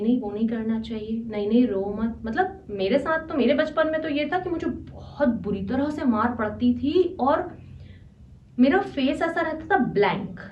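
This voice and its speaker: Woman life coach, earnest motivational talk; high voice, roomy echo. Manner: earnest and conversational, mixing Hindi with English phrases. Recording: echoey, distant and dull.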